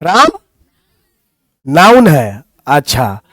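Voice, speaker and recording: A man's voice: a little high, wildly swooping pitch, drawn-out words, fairly bright tone, no room sound. A man with a Bhojpuri accent teaching English grammar to a class, playfully teasing students and reciting verse. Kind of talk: classroom teaching with poetry and banter.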